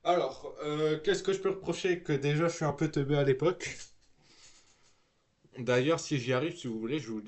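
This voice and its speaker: Slangy, swearing teenage streamer. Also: male voice, mid-range voice. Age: teens. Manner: loose, slangy and swearing, trailing restarts. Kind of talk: casual live-stream chat.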